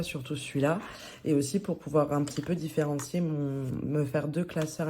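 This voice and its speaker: A woman's voice: a bass voice, background noise. A woman vlogger talking casually to camera about her monthly budget, chatty and a little hesitant, often restarting her sentences. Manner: chatty, talks through her envelopes as she goes.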